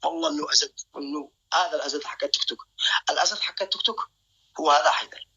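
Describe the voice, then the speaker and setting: A man's voice: fairly high pitch, racing, creaky, sharp tone, husky, lo-fi sound. A young man hosting a live stream. He jokes, boasts and keeps calling out to his viewers.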